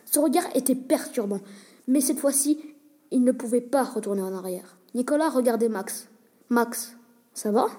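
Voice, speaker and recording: A woman reading a short school story aloud in a plain, even way. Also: on the high side. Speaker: story reader.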